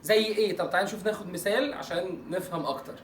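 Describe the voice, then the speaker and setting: A man with an Egyptian Arabic accent teaching English pronunciation in an online lesson. He jokes playfully and draws out example words slowly. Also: high voice, roomy sound, distant mic, slight background noise.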